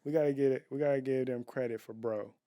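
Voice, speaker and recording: A man's voice: medium pitch, fairly even intonation, fast talker, dark tone, no room sound, clean studio sound. A man co-hosting a casual couples podcast from home, talking in an opinionated, emphatic way. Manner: opinionated, emphatic, restarts and fillers. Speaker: podcast co-host. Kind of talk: casual chat.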